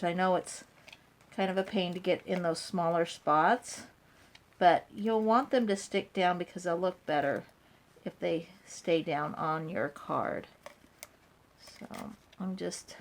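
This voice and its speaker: A woman demonstrating card making step by step, talking casually with small fillers as she works. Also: on the low side. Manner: step-by-step instructing while working, casual with fillers. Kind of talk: hands-on craft tutorial.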